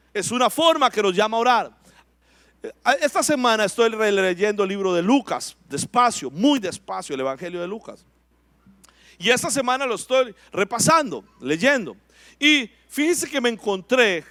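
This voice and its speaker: High-voiced man preaching a sermon. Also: a bit bright, dry recording, studio quality. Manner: emphatic preaching, slows down to read scripture aloud. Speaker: pastor.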